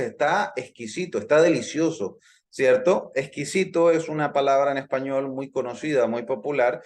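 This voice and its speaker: A man's voice: medium pitch, darkish tone. A man teaching a live online hypnosis class, explaining at length, repeating his points and checking in with his listeners. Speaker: hypnosis instructor.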